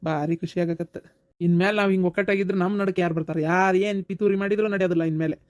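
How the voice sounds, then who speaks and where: A man with a North Karnataka Kannada accent voicing an elder brother who asks puzzled questions and reassures gently. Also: high-pitched, fairly even intonation, very fast, no room sound, close to an everyday voice. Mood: reassuring. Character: kindly elder brother, surprised village man.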